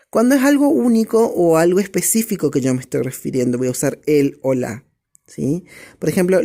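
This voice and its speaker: A woman's voice: lowish voice, warm tone. A woman teaching an English class. She reads English examples aloud, translates them, and keeps checking in with her students. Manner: slow, patient, checks in with constant "¿sí?". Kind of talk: recorded online class explaining grammar.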